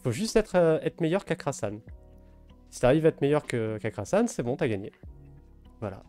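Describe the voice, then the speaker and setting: Male streamer, mid-pitched, relaxed banter over soft background music. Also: normal speed. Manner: chatty, reads and answers chat, teasing. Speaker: streamer drawing live. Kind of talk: casual live-stream chat while drawing.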